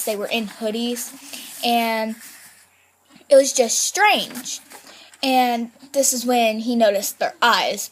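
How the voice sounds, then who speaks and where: Woman vlogger, casual spooky storytelling, chatty and filler-heavy, slow delivery with a slightly raised voice. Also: a little high. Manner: chatty, loose, full of fillers like "like" and "kinda". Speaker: YouTuber.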